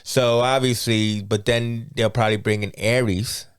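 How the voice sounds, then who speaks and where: An animated man riffs on a film in a casual chat, joking and slipping into quick mock voices. His voice is smooth and resonant, at a middling pitch. The sound is dry and close, with no room around it. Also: no room sound. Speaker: podcast co-host. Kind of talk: casual movie review chat.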